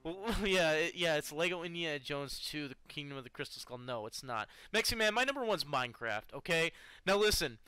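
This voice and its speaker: A man's voice: fairly high pitch, animated, fairly quick, hardly any pauses, sharp tone, clean tone, no echo. A man co-hosting a casual gaming chat, emphatic and playful. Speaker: co-host.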